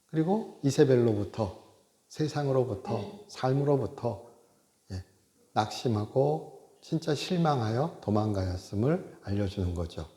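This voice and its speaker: A male pastor giving a conversational sermon, often tossing in a quick "yes" and sometimes acting out a scolding voice with rising force. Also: mid-range voice. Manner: conversational preaching with frequent interjected "yes"; animated, acts out God scolding in raised voice. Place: church sanctuary. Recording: echoey church hall.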